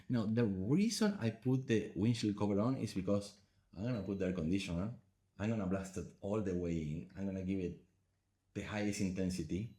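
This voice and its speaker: This gear reviewer has a lowish, slightly mellow voice. He chats casually and loosely while testing a small wireless lav mic in a home room with the window open.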